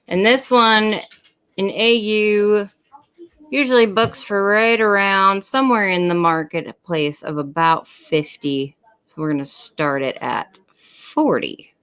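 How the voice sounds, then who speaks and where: A woman's voice: fairly low pitch, takes it slowly, fairly bright tone, clear, resonant tone. A woman hosting a live online coin sale, calling bids and thanking buyers by name from home. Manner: friendly, calls out bidders by name. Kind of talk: live auction selling.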